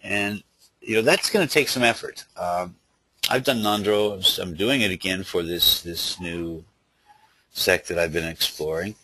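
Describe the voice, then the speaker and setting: A man with a lisp giving an informal spoken teaching in a halting, loosely worded way, as a Buddhist teacher. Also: sits low, bright, forceful tone, breathy edge, dry recording, low-quality recording. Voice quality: lisp from dental problems.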